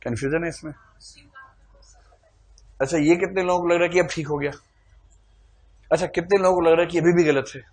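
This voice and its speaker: A man's voice: on the high side, steady tone, brisk, long pauses. A man teaching a classroom lecture, quizzing his students, calling for shows of hands and teasing them playfully.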